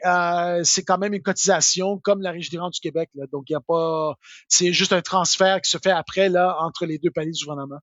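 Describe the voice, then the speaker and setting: A Québécois man explains tax rules in a live question session, chatty and full of fillers. His voice sits high. The sound is dry and a little dull. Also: fairly bright tone, no echo. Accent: Québécois French. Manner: informal, full of filler words and tag "là". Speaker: tax software expert answering questions.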